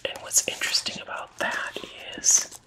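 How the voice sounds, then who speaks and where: A woman doing an ASMR whispered role-play as a librarian, in a breathy, unvoiced library whisper, pausing between short phrases. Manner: slow, unhurried, with gaps between short phrases. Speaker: ASMR host playing a librarian at a book fair.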